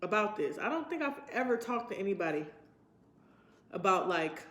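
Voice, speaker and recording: A woman in her twenties chats casually to her vlog audience, rambling and reflective in an informal way. Her mid-range voice swings widely in pitch, moves at a moderate pace, and sounds a bit bright. The recording has a roomy, echoey quality.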